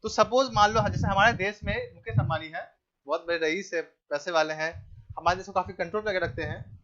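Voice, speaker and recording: A male teacher giving a classroom lecture, asking the class questions, answering them himself, repeating key names and telling the students to keep quiet. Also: sits high, fairly quick, highs cut off. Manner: tells the class to keep quiet and pay attention.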